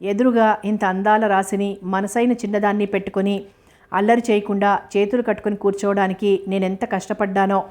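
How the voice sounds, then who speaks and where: Woman reads a teasing, tender young suitor, even and steady, for a storybook audio novel. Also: mid-range voice, a little fast, lightly acted. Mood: playful. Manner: playful, teasing. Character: teasing affectionate young man, a writer.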